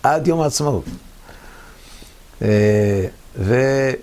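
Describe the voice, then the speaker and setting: Gravelly older man recalling the war. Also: medium pitch, animated, darkish tone. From Israel. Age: 70s. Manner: vivid storytelling that acts out the voices of others. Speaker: war veteran interviewee. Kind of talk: recounting war memories in an interview.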